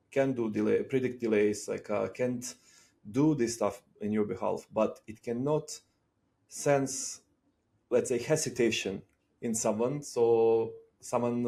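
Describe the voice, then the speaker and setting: A man from Serbia talking in a relaxed podcast conversation, thinking aloud with fillers and restarts. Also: medium pitch. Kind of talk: casual conversation.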